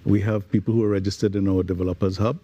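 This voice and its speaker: A man explains things as a guest on an interview. His voice is lowish and distinctly mellow, with deliberate phrasing and some searching for words. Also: flat delivery, dull audio. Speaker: guest, digital transformation advisor.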